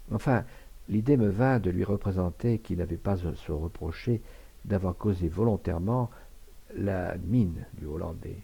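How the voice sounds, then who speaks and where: A man reading a classic novel aloud as an audiobook narrator, in an expressive, dramatic manner. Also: deep voice, creaky, slightly rough.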